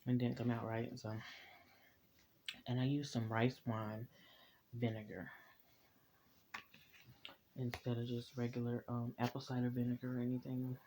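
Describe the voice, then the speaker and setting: Mellow-voiced man chatting in a vlog. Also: medium pitch, slight background noise. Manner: relaxed, rambling and reflective, eating while talking. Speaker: vlogger. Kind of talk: casual personal vlog. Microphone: phone camera.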